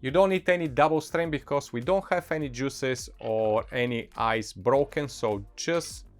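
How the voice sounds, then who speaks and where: A man's voice: medium pitch, unhurried. A man with a non-native English accent presents a casual, enthusiastic instructional tutorial as a bartender, talking directly to viewers. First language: not English. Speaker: bartender presenting cocktail recipes. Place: indoor bar set, behind counter. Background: music.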